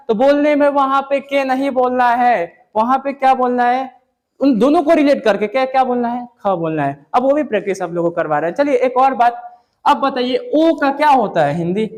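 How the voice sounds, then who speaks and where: A man teaching English pronunciation, casually drilling his class with repeated questions. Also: extremely high pitch. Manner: repetitive, drilling students with questions; casual, says "yaar" and "bhai". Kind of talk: classroom lesson.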